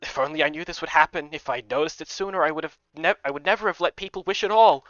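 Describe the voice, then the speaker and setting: A man voicing an older head housemaiden woman with a slight Scottish accent, soft and pleading, reading a game aloud. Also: on the high side, fast talker, no echo, faint music behind, natural voice. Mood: sorrowful. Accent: slight Scottish put-on. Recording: dull lo-fi recording.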